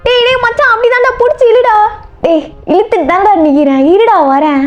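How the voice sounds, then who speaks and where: A woman acting out a bunch of rowdy young guys in a frantic panic, shouting in slang. Her voice is pushed very high. A slightly dull lo-fi sound carries faint music behind. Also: a little fast. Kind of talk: storybook role-play.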